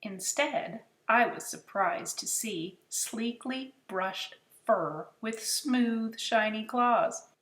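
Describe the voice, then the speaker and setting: A woman reading a children's picture book aloud, expressive and unhurried. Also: on the high side, reverberant. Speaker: storytime reader.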